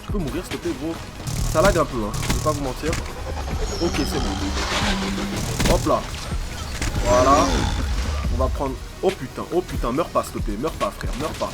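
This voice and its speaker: A man giving excitable, slangy live commentary over his own gameplay as a YouTuber, swearing often and talking at his opponents. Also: mid-range voice, normal speed, long pauses, over loud music. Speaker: gaming YouTuber.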